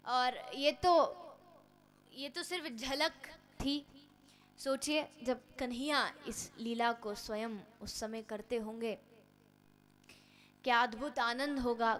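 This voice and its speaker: A woman giving a devotional discourse, telling stories in an animated way and acting out the characters. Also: a little high. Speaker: religious storyteller.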